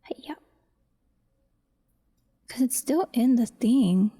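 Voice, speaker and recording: A voice actor murmurs to herself in short fragments while casually thinking aloud through a screen-recorded audio editing walkthrough. Her voice sits on the high side, animated yet slow-paced, mellow and husky.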